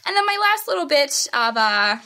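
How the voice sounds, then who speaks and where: A woman's voice: high-pitched, big pitch swings, moderate pace, bright, forceful tone. A woman from the United States co-hosting a podcast in casual chat, giggly and stumbling over unfamiliar place names. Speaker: podcast co-host.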